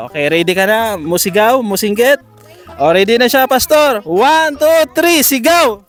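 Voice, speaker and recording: A man hosting games for schoolchildren outdoors, coaxing and counting down with animated energy. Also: very high-pitched, unhurried, soft background music. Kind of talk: lively outdoor game hosting.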